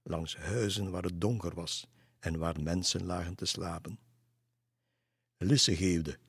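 Slow, deep-voiced storyteller man. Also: fairly even intonation, vocal fry, a bit bright, breathy edge, no room sound, studio quality. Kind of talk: reading a children's story aloud.

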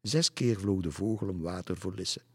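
A man reads a children's story aloud in a calm, unhurried way. His voice is very low and a little husky. The recording is close and dry, with no room sound. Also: no echo.

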